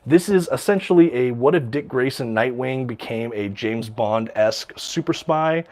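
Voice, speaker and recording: A man's voice: medium pitch, moderate pace, a little mellow. Enthusiastic man chatting on a livestream. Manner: enthusiastic, many ums and uhs, reads out viewer questions. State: slightly out of breath with a cold. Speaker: livestream host showing his comic collection. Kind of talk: casual livestream chat.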